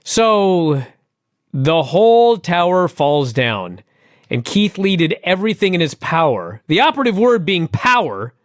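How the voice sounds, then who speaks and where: A man co-hosting a podcast in casual chat, wry and quick to laugh, swearing now and then. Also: high voice, big pitch swings, no room sound, clean studio sound. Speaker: podcast co-host. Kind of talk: casual wrestling recap chat.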